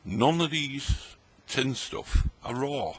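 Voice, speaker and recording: A man's voice: mid-range voice, lively intonation, slow, breathy edge. A middle-aged man, chatting and joking in a rambling way while tasting old tinned food at his table late at night. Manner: chatty, rambling, jokey, talks while eating. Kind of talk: casual late-night vlog talk.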